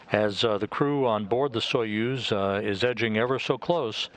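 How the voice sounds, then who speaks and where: A man with an American accent giving measured, formal live commentary on a spaceflight as a mission control announcer. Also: lowish voice, a bit bright.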